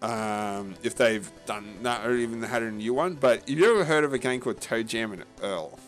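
A man co-hosting a casual gaming podcast, talking in a rambling, halting way full of fillers and restarts, with a casual, profane manner. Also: mid-range voice, soft background music. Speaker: podcast co-host.

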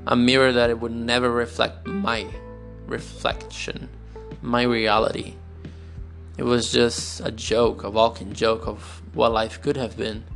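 His medium-pitched voice is a bit bright, with vocal fry: a young Brazilian podcast host, non-native in English with a Brazilian accent and Portuguese as his first language. Recording on a phone, he tells a personal story in a slow, candid, searching way, with pauses and restarts.

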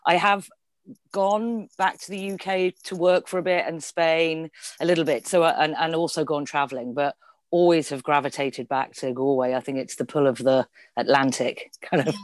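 A woman's voice: low voice, steady tone, normal speed, no room sound. A middle-aged woman from Devon, talking conversationally as a podcast guest. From Devon, England. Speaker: podcast guest, theatre performer. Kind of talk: conversational interview.

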